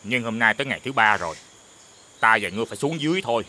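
A man's voice: on the low side, expressive, rapid-fire, bright, forceful tone, a little hiss or hum. An actor playing a stern male demon assistant from the underworld, with a formal, commanding manner. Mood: consoling stern. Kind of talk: TV fairy-tale drama acting.

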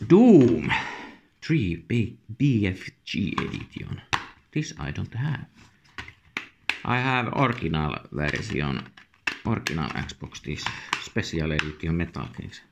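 A man with a Finnish accent speaks halting, non-native English in short, muttered remarks, as casual unscripted commentary on an unboxing. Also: sits low, very animated, creaky. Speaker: video game collector presenting an unboxing. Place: indoors at a wooden table. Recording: noisy room with handling clicks.

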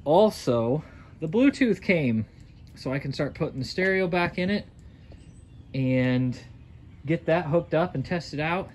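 A man's voice: fairly high pitch, animated, measured pace, long pauses, slight background noise. A man casually narrating his own restoration work in a driveway and a garage workshop, thinking aloud in a folksy, rambling way while he films on a handheld phone. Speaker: restoration video host.

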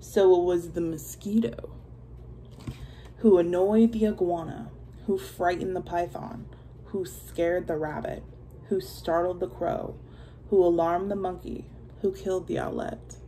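A woman voicing a solemn male lion king who recites a chain of blame in a measured way. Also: fairly low pitch, fairly even intonation, dark tone, a little hiss or hum, close to an everyday voice, rough recording.

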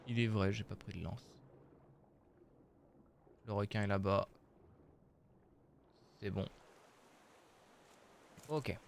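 Male game streamer, unhurried musing commentary, faint game noise behind. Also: fairly low pitch, steady tone, vocal fry. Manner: slow, musing, thinking aloud with many hesitations. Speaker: streamer playing a survival game. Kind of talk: casual live game commentary.

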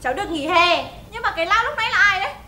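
A woman's voice: lively intonation, racing, sharp tone, full character voice. An actress playing a frightened young woman who pleads for help. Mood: indignant. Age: young adult. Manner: shrill, pleading. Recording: echoey room, music behind.

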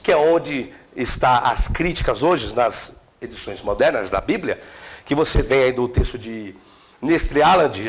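Lively man lecturing a class. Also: mid-range voice. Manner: lively, questions the class, stresses terms. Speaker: theology teacher. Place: seminary classroom.

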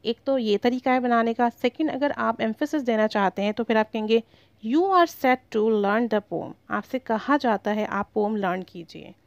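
A woman teaching English grammar, spelling out example sentences slowly and deliberately. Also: on the high side, no echo. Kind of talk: slow grammar lesson.

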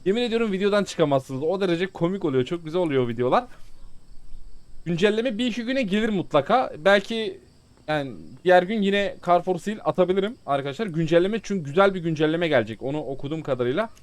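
A man's voice: sits high, lively intonation, fast. A man giving casual let's-play commentary, talking to his viewers and growing exasperated with the game. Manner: exasperated, chatty, talks to viewers. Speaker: gaming YouTuber.

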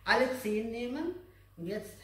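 With an extremely high, expressive voice and an unhurried pace, a middle-aged aikido instructor gives patient, encouraging step-by-step exercise instruction to a child and viewers, repeating simple phrases. He's in a spacious indoor dojo laid with mats, and the far-away camera mic picks up an echoey hall.

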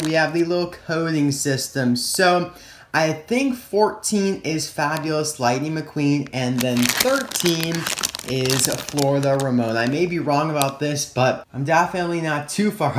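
Young American male review host, chatty, slightly distorted after-wisdom-teeth diction, echoey room with faint background noise. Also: fairly high pitch. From United States. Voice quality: slightly distorted, mouth-sore speech after wisdom tooth removal. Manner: chatty, addresses viewers as guys. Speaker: toy collector and review host. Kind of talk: casual scripted-free product review to camera. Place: indoor room at a tabletop. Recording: roomy echo, faint hiss and crinkling. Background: crinkling plastic packaging, clicks.

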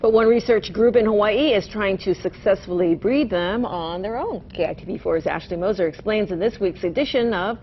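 Mid-pitched woman reading studio news. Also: moderate pace, few pauses, muffled recording, slight background noise. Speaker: TV news anchor.

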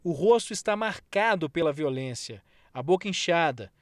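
Um repórter de televisão com sotaque brasileiro narrando uma matéria de forma pausada e formal. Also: male voice, on the high side, expressive, dry recording, studio quality. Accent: Brazilian. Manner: measured, formal. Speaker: TV news reporter. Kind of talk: scripted news narration.

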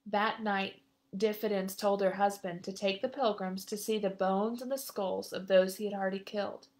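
Lady reading a kids' story live, middle-pitched voice, chats to the kids between bits. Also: fairly even intonation, normal speed, a little mellow. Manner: chatty asides to young listeners. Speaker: children's ministry storyteller.

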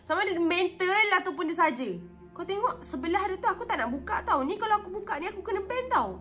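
A young woman with a Malaysian Malay accent giving animated, indignant reaction commentary on viral videos, recorded on a phone. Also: very high-pitched, fast, faint music behind.

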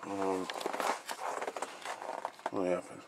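A man's voice: deep voice, monotone, drawn-out words. A man casually showing off the gear in his welding trailer, rambling and plain-spoken, cursing now and then. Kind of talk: casual walkthrough vlog. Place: outdoors in a cold enclosed work trailer. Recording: noisy handheld camera audio.

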